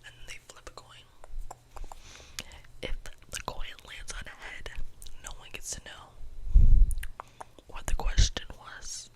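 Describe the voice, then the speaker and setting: A young adult speaking in a cupped-hand ASMR whisper, close and breathy, rambling casually and repeating phrases. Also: rough recording. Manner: repeats phrases slowly for effect. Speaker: ASMR creator.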